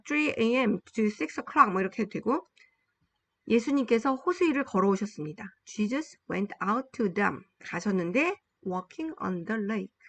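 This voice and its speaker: A woman teaches an English lesson based on the Bible, explaining in Korean and reading English sentences slowly and deliberately, repeating phrases for learners to follow. Her voice is medium-pitched, and the recording is dry.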